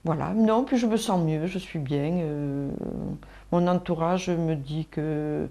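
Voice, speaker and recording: A woman from France giving a reflective documentary interview about joining hospital nutrition workshops, pausing often with fillers. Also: low voice, dark tone. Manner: hesitant, reflective, many fillers.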